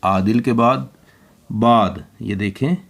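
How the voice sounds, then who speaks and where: A man with a fairly low voice teaches young children handwriting. He speaks very slowly and patiently, spelling out each letter one at a time as he writes. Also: gravelly.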